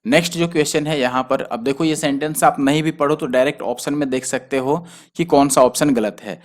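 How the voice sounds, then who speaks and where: A man teaching a spelling lesson for exam students, who explains patiently and spells words out letter by letter. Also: on the high side. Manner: explains patiently, spells letters out slowly, often adds "theek hai". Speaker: exam prep tutor.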